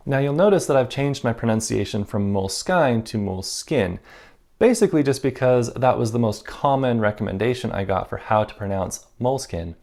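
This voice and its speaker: A man's voice: mid-range voice, a little mellow. A man vlogging casually about stationery with a wry, self-mocking manner. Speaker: stationery YouTuber. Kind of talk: casual vlog talk.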